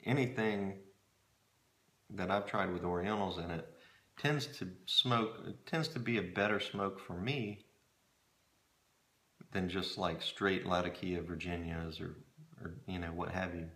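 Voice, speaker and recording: A middle-aged man chatting casually to camera in a musing, hesitant way, often pausing mid-thought, recorded in a small room at home. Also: sits low, fairly even intonation, a bit bright. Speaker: pipe-smoking hobbyist reviewing tobacco blends. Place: small home storage room with shelves, indoors. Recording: roomy echo from camera mic.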